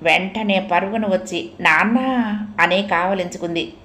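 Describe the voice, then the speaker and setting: A woman reading a comic novel aloud in a lively, theatrical storytelling manner. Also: mid-range voice, moderate pace. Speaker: audiobook narrator. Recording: roomy echo.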